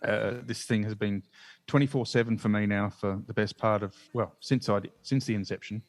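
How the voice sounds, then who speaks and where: A man's voice: on the low side, steady tone, normal speed, dry recording. A man talking casually as part of a podcast panel. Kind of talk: casual chat.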